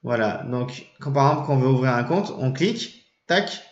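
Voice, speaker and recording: A man's voice: medium pitch, expressive, moderate pace. Hesitant man in a roomy lo-fi recording. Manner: hesitant, many fillers and restarts. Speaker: trading channel host. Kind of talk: casual explainer vlog. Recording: roomy, dull lo-fi sound.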